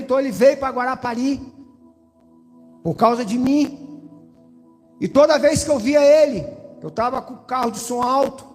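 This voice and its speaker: A man's voice: very high voice, darkish tone. A man with a Brazilian accent from Espírito Santo, giving a testimony in an evangelical church and speaking directly to the pastor and the congregation. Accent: Brazilian Portuguese, Espírito Santo. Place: church hall. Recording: church hall reverb with faint music.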